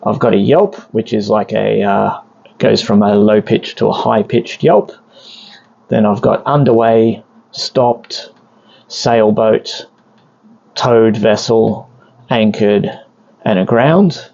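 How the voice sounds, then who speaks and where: This man's voice is on the low side, creaky and darkish, captured in a muffled recording. He's an instructor inside a vessel, giving a hands-on equipment demonstration that is plain, methodical and explained one step at a time.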